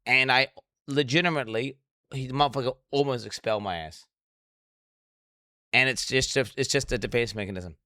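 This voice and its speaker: A young man in casual live-stream commentary rambles on, swearing and breaking off into restarts. His voice is bright and crisp. The sound is dry and close. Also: mid-range voice, fairly quick, pauses often, dry recording. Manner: rambling, profane, restarts often. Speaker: streamer reacting to a documentary.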